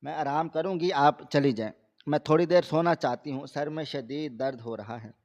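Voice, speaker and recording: A man voicing a frightened, tearful fifteen-year-old girl who answers softly and evasively. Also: a little high, close to an everyday voice. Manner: soft, hesitant and evasive. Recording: slightly dull lo-fi recording.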